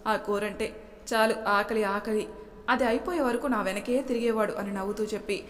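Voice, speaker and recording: A woman narrating an audio story in a steady, expressive storytelling manner. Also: mid-range voice, moderate pace, slight background noise. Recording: long hall reverb.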